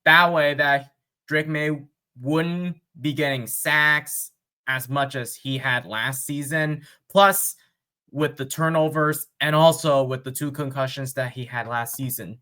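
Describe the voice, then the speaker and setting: A man hosting a sports fan vlog, thinking aloud in casual, unscripted commentary with pauses and fillers. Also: a little high, fairly even intonation, pushed and bright. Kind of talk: casual mock draft commentary.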